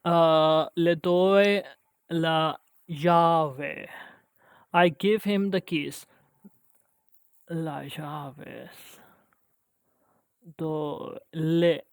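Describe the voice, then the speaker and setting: A man practicing language conjugations aloud on his own, halting and restarting often as he works through a lesson. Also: on the high side, clean tone, dry recording. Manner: halting, with frequent restarts and hesitations. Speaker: language learner. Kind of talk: self-study language practice.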